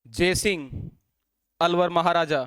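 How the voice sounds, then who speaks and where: A male teacher, giving a classroom lecture, quizzing students and dictating notes slowly with repeats. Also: on the high side, steady tone, a bit bright, smooth, dry recording, studio quality.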